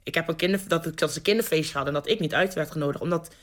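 A young woman, telling a personal story in a radio interview with vivid, animated delivery and frequent restarts. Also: sits low, very fast. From Netherlands, North Brabant. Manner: lively, vivid storyteller who restarts sentences and acts out scenes.

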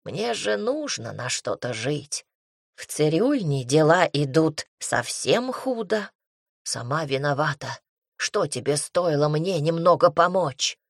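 A woman's voice: low voice, very animated, slow, vocal fry, no echo, clean studio sound, full character voice. Woman voicing a wheedling old male barber. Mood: sheepish grumbling. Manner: mumbling, self-justifying. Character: aged male barber, wheedling self-pitying sycophant.

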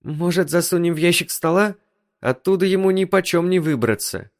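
A man voicing an agitated young wife in a high, squealing, indignant tone in an audiobook. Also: moderate pace. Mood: alarmed. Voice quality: shrill. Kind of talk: audiobook reading.

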